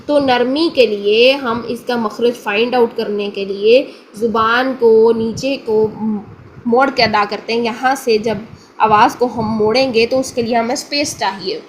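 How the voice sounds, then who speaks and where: A woman's voice: a little high, a little hiss or hum, low-quality recording. A woman with a Pakistani Urdu accent teaching a Tajweed lesson, explaining patiently and often checking that the listener follows. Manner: patient, repeats each point, checks in with the listener. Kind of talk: Quran pronunciation lesson.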